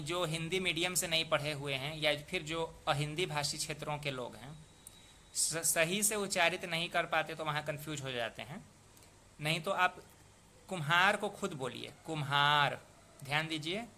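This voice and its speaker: Bright-voiced man patiently teaching poetic meter. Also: fairly high pitch. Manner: patient, repeats and sounds out words slowly. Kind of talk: explanatory lesson.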